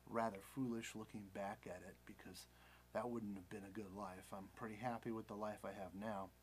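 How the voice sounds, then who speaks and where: A man's voice: fairly low pitch, steady tone, normal speed, slight background noise, poor audio. An American man in his forties telling a personal story casually, rambling and candid, often doubling back to correct himself. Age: 40s. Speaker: vlogger.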